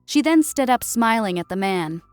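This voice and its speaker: Reading a scripted story with character dialogue, this audiobook narrator has a fairly high, clear, resonant voice with lively intonation and a normal speed. Her close, dry recording has no echo and faint music underneath.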